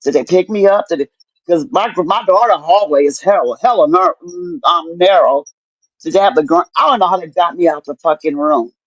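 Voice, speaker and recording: A middle-aged woman telling her story in casual chat, animated and profane, acting out what people said to her. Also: fairly low pitch, fairly quick, husky, dry recording. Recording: dull lo-fi dry sound.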